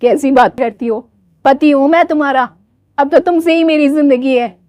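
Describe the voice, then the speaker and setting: Doting storybook husband, a woman putting him on, soft and pleading. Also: high-pitched, moderate pace, dry recording, clean studio sound, close to an everyday voice.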